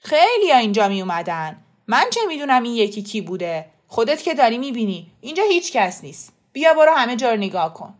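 A woman reading a storybook voices a scruffy, belligerent male caretaker who shouts hoarsely and talks rudely. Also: fairly high pitch, big pitch swings, few pauses. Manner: rude, bullying.

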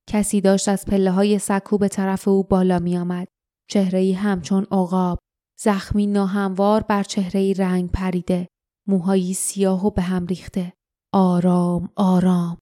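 A woman's voice: mid-range voice, warm tone, dry recording, studio quality. Woman narrating a fantasy audiobook.

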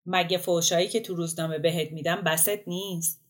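Lady reading as a prickly grown man, kinda defensive, talks a bit louder than her usual narration, low voice. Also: steady tone, natural voice. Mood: teasing. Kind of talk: audiobook character reading.

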